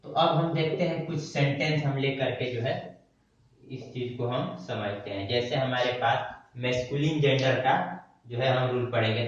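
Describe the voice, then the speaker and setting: A man teaching a grammar lesson, who repeats words slowly as he writes them on a board. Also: medium pitch. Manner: slow, repeats terms while writing on a board. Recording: dull echoey room, mic far off.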